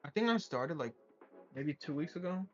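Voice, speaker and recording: A man's voice: a little high, expressive, moderate pace, dull audio. A man chatting about trades on a live stream, brash and rambling, swearing freely. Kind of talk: casual trading chat.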